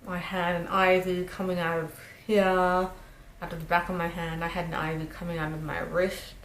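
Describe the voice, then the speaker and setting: Low-voiced woman vlogger in a roomy space. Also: flat delivery, moderate pace, fairly bright tone. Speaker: vlogger recovering from jaw surgery. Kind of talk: casual vlog storytelling. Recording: roomy echo, faint background noise.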